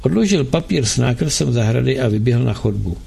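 Gravelly, husky man narrating a novel, measured. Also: mid-range voice, lively intonation, mellow. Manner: measured storytelling.

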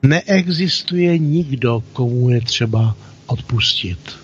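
A man voicing God in a story as a calm, patient father figure, speaking slowly and reassuringly. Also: medium pitch, breathy edge, muffled recording, soft background music. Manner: slow, soft, reassuring.

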